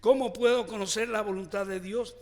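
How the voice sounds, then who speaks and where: A male pastor preaching a sermon with call-and-response, swinging from loud declarations to hushed lines, in a church. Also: sits high, fairly even intonation, moderate pace, in a large hall. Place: church sanctuary, also streamed online.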